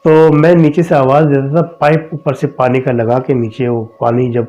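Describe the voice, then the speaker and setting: Mellow-voiced man telling personal stories. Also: mid-range voice, flat delivery. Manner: conversational, retells dialogue with frequent "I said". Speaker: podcast host telling his own experiences. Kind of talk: casual personal storytelling. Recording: dull lo-fi recording.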